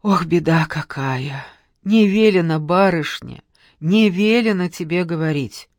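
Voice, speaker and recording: A narrator voicing a tender, pious old nanny who soothes slowly with folksy endearments. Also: medium pitch, dry recording, studio quality, natural voice. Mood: grieving. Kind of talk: audiobook character reading.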